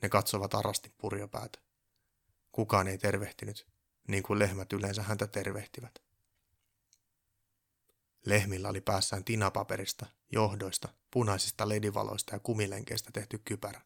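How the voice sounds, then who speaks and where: A man calmly reading a children's story aloud as a storyteller. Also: fairly low pitch, creaky. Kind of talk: storybook narration.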